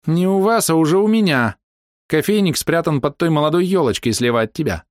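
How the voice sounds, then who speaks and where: A shrill young thief girl, put on by a male audiobook reader, who yells high and squeaky from her hiding place, full of indignation. Her voice leaps far above the reader's own. It sounds close and dry. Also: animated, a little fast, no echo, close to an everyday voice. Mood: wary. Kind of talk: audiobook character voice.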